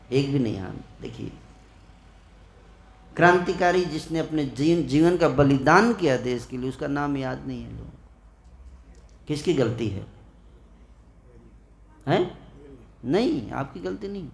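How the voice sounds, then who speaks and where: A man preaching at a festival, his voice sitting a little high as it carries through a reverberant hall. He tells the story animatedly, acting out the quoted lines, and keeps firing short questions back at the crowd. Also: vocal fry, a little hiss or hum. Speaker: ISKCON preacher. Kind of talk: festival sermon to a live audience.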